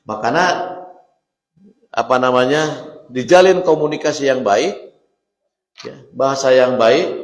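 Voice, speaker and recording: A man with a Sundanese accent preaching a mosque sermon, telling stories lively, laughing and turning to his listeners. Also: lowish voice. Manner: lively storytelling with laughter and asides to the audience. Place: mosque hall. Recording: echoey mosque hall.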